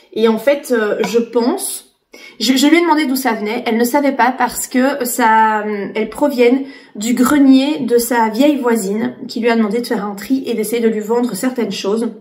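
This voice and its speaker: A woman's voice: on the high side, a little mellow, roomy sound. A woman in her late thirties chatting casually in a vlog, with lots of fillers and restarts. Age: 30s. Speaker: vlogger. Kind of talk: casual chat.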